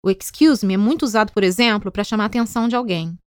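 A woman's voice: medium pitch, fast, clean tone, no room sound, studio quality. A woman with a Brazilian Portuguese accent hosting a scripted educational podcast, explaining in a friendly, playfully teasing way. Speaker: podcast host and English teacher.

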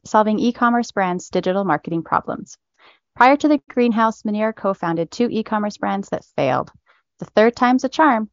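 A woman's voice: medium pitch, dry recording. A woman hosts an interview show, reading her guest's introduction and then asking questions. Her voice is close and dry with no room sound. The audio is slightly muffled. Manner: reads a prepared intro, laughs easily. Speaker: podcast host. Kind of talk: interview hosting.

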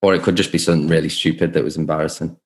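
A man hosting an interview, asking loose, rambling questions in a relaxed, casual way. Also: very deep voice, rapid-fire. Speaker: podcast interviewer. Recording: roomy echo.

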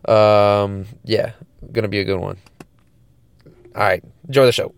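A congested, stuffed-up Californian man hosts his own podcast, chatting casually in loose, laid-back slang full of fillers. His voice is fairly low, steady, and unhurried, with a little hiss or hum.

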